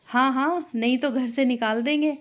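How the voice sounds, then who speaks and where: A woman's voice: high voice, steady tone, moderate pace, natural voice. A woman voicing a spoiled young sister-in-law who talks back dismissively. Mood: sassy. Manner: dismissive, sassy.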